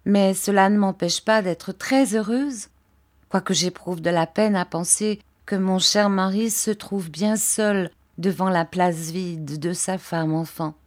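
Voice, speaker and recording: A woman voicing a frail, childlike young wife who speaks softly, eagerly and with great affection. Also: mid-range voice, fairly even intonation, takes it slowly, lightly acted. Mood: tender. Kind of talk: audiobook character voice.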